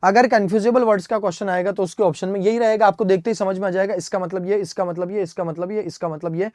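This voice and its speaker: This teacher, a man with an Indian accent, moves fast through English vocabulary for an exam, explaining step by step, spelling words letter by letter, and often checking "है ना?". His voice sits high with a steady, slightly mellow tone. The audio is clean studio sound with no room sound.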